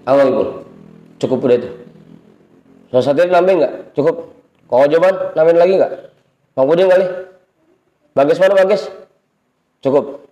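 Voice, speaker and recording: A man with a Betawi Indonesian accent teaching a casual religious study circle, joking with his listeners and reading Arabic passages slowly. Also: on the high side, warm tone, dull audio. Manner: joking, chatty with the congregation, reads Arabic slowly. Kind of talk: informal religious lesson. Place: prayer hall. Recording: echoey hall.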